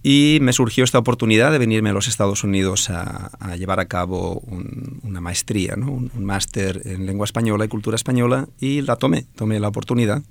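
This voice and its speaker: Speaking a little fast with few pauses, a man in his forties gives interview answers as a professor, his fairly low voice carrying vocal fry with no echo around it. Originally from Alicante and a native speaker of Valencian/Catalan, he has a Spanish accent from Spain and sounds thoughtful yet hesitant.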